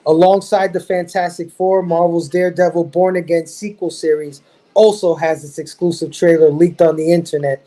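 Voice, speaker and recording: A man's voice: on the high side, fairly even intonation, moderate pace, mellow. A man hosting a casual pop culture chat on a live stream, laughing often and hyping up his co-hosts. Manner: laughs often, hypes up the panel. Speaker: podcast host. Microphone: video call.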